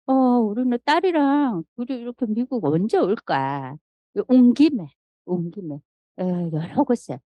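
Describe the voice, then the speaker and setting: A woman's voice: lowish voice, warm tone, no room sound. A middle-aged woman giving a motivational business talk to an audience, telling stories, acting out quoted lines and asking frequent rhetorical questions. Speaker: seminar speaker.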